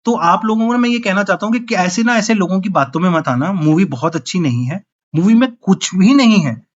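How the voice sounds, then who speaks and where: A high-pitched man rants his way through a casual film review, sounding fed up and slipping English phrases into his sentences. The sound is dull and lo-fi. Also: expressive, a little fast. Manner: frustrated, ranting, mixes English phrases in.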